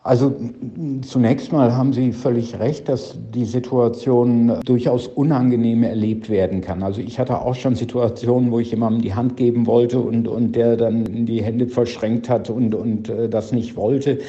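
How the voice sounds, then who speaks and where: A male social psychology professor explains things in an interview recording that sounds dull and lo-fi. His voice is very dark and mellow, and he speaks thoughtfully, with "äh" fillers and small restarts. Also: mid-range voice, steady tone, moderate pace, few pauses.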